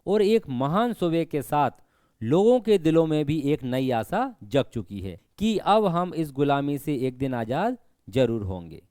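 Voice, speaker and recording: Male tutor, higher-pitched, clear and dry, methodical exam-prep teacher. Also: very animated, a little slow, mellow, no room sound. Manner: explains step by step, asks and answers his own questions; stresses rote learning with repeated reminders.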